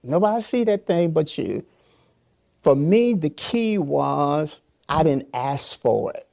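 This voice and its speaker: Slow and a little high, his darkish voice has lively intonation and vocal fry. He's an older pastor on a panel giving an improvised motivational talk, hammering points with short phrases he repeats preacher-fashion.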